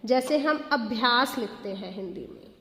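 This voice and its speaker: A woman's voice: a little high, lively intonation, normal speed, bright, forceful tone. A woman teaching a grammar lesson, explaining patiently with repeated questions, mixing phrases into her talk and stretching out example words. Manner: mixes English phrases into Hindi. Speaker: school teacher. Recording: echoey room with long reverb.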